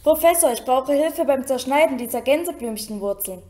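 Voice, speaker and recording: A woman's voice: high-pitched, expressive, moderate pace, a little mellow. A woman doing a smug drawling schoolboy. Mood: smug whining. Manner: drawling, mocking. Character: smug sneering boy wizard.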